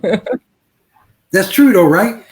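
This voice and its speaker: The man, a musician being interviewed on a podcast, has a voice that sits high, with lively intonation and a slow pace. He is emphatic in the casual conversation, repeating himself and asking "right?".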